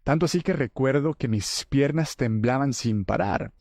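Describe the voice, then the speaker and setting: Guy hosting a faith podcast, dark mellow voice, dry close sound, earnest and chatty. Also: mid-range voice, normal speed, no echo. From El Salvador. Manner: earnest, conversational preaching. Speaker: podcast host.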